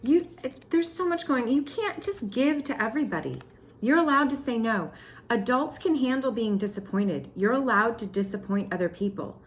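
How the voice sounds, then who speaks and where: A young woman giving a tarot reading to her viewers, excitable and slangy, talking straight to them. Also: fairly high pitch, normal speed. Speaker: tarot reader. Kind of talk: casual tarot reading to camera.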